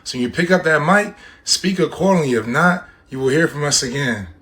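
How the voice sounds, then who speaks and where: Man, higher voice, blunt dating-coach lecturing, confrontational commentary, direct address. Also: animated, brisk, fairly bright tone. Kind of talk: confrontational social media commentary.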